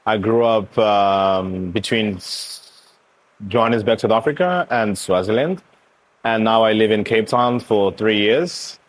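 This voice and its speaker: A man in his thirties from Eswatini speaks in a lowish voice at a measured pace as a guest in a candid interview. He talks openly and animatedly about himself, full of asides in which he voices other people's reactions.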